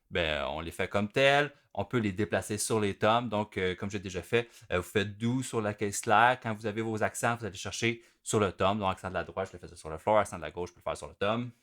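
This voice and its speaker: A man giving a relaxed, conversational drum lesson, full of fillers. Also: fairly low pitch, brisk, hardly any pauses. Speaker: drum teacher. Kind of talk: casual spoken instruction. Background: drum playing.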